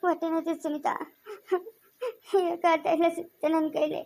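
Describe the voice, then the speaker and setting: A woman's voice: very high voice, little pitch movement, quick pace, darkish tone. Woman playing a sobbing young mother in labor. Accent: rural Chikkaballapur Kannada. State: in pain, crying.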